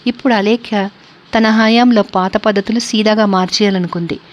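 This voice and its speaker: A woman narrating a translated novel aloud as the channel's storyteller, steady and measured. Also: medium pitch. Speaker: audiobook narrator.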